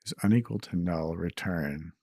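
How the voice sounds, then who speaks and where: A tired man developing a game mod, thinking aloud as he reads code and tests it. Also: warm tone. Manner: mutters code to himself, tired, slow and low-key. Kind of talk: thinking aloud while coding and playing. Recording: clear background noise with keyboard typing.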